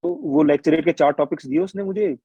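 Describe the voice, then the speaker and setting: A young man from India recounts his story in a relaxed, chatty interview, often stopping and starting and acting out little quoted lines. His voice sits fairly high but sounds mellow and a bit husky. The recording is dry and muffled, like a low-quality call. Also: fast talker, dry recording. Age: young adult. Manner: chatty, colloquial, many restarts and quoted asides. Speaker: interviewee sharing exam experience. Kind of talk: casual conversational storytelling.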